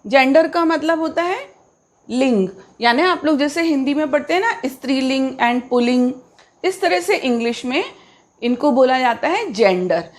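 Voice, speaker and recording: High-voiced woman teaching English grammar. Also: lively intonation. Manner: explains slowly with repetition and questions to pupils. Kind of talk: classroom lesson explaining grammar.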